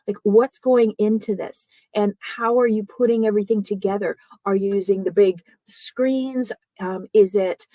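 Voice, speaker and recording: Soft-spoken woman coaching on a dry mic. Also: on the high side, dry recording. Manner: chatty, many fillers and tag questions; speaks softly. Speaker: speaking coach. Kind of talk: live online training talk.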